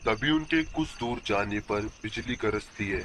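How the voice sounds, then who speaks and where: A man narrating a cartoon story in a plain, steady storytelling manner. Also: on the low side, a little slow, a little hiss or hum.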